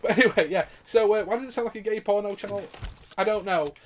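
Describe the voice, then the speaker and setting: A man with a fairly high voice talks over his gameplay in a loose, live commentary. He rambles from one viewer question to the next, swearing casually and laughing as he goes. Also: fast talker. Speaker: gaming channel host.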